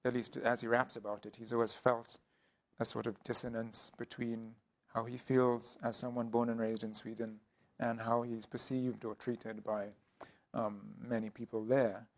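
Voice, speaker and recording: As an artist guest in an interview, a man explains his work thoughtfully but hesitantly, with many ums, pauses, and restarts. His voice is medium-pitched and level.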